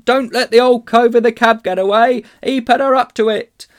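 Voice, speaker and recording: A cheeky working-class heckler in a storybook crowd, put on by a man. The voice is pushed high and loud, mocking and slangy. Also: very animated, moderate pace. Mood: cheeky jeering. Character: cheeky working-class onlookers and errand boys, jeering.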